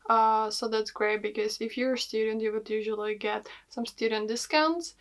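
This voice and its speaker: A woman's voice: a little high, steady tone, moderate pace. A young woman in her twenties from the Czech Republic, speaking English with a Czech accent in a chatty vlog, with lots of fillers. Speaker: vlogger. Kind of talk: casual vlog talk.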